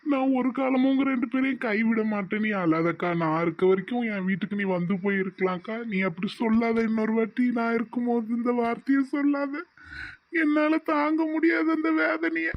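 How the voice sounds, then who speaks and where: Actor as a devoted young son, consoling, fairly high voice, slightly dull dry recording. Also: male voice, fairly even intonation, moderate pace, no echo, natural voice. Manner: pleading, consoling. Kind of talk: cartoon voice acting.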